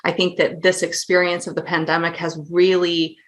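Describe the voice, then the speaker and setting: A woman's voice: fairly low pitch, level tone, normal speed. A woman hosting a panel discussion on a video call, affirming her guests and asking follow-up questions. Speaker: host.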